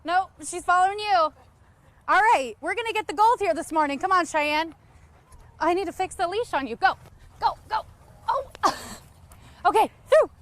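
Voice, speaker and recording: A woman's voice: extremely high pitch, lively intonation, moderate pace, pauses often. A woman talking casually on live TV while calling out to a dog.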